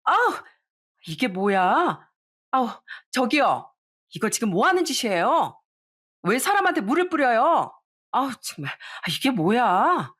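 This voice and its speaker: A woman voicing a young bride-to-be who talks sweetly and then turns indignant and high-pitched in a storybook narration. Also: very animated, moderate pace. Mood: shrill indignant. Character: sweet-talking bride-to-be, turns shrill and defensive.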